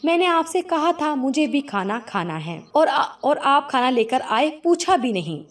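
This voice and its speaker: A woman voicing a timid, soft-spoken young bride in a storybook, her lines read gently. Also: high-pitched, big pitch swings, far from the mic, pitched above the performer's own voice. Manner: soft, hesitant storybook dialogue.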